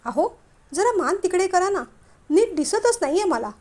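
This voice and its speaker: Brief: woman playing a nosy storybook wife, eager questions, high voice. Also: sing-song, normal speed, darkish tone. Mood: curious. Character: curious chatty young wife.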